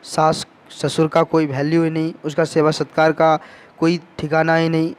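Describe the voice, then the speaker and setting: A man's voice: a little high, monotone, moderate pace, clean tone. A man telling a devotional story as a sermon, addressing the congregation respectfully again and again. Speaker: devotional speaker.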